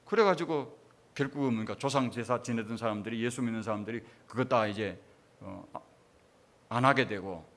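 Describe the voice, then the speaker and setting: A man's voice: medium pitch, fairly bright tone. A middle-aged man, a pastor preaching a sermon with emphatic rhetorical questions to his congregation.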